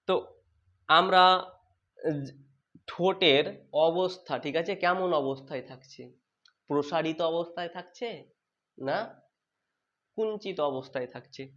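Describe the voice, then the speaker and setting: A man teaching a lesson, who asks questions and then answers them himself, repeats terms slowly and corrects his own slips aloud. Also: a little high, fairly bright tone. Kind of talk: exam-prep lesson on vowel sounds. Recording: dull lo-fi sound.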